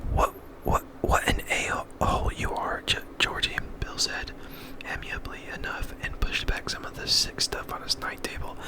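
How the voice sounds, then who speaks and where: In a rough recording, a man whispers a novel aloud for ASMR. His breathy, intimate voice is very close, as though speaking directly into the listener's ear.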